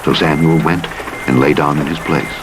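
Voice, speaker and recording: A man narrating the Bible in a solemn, measured storytelling style, acting out the dialogue as he reads. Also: fairly even intonation. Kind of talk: scripted scripture reading with dramatized dialogue. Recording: rumbling truck and rain noise over playback. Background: vehicle rumble, rain, simulator truck sounds.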